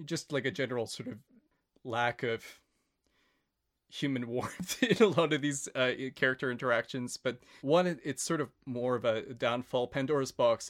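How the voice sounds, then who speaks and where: A man's voice: medium pitch, fairly bright tone. Hesitant male podcast host. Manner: hesitant, many fillers and restarts, laughs often. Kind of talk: casual film discussion.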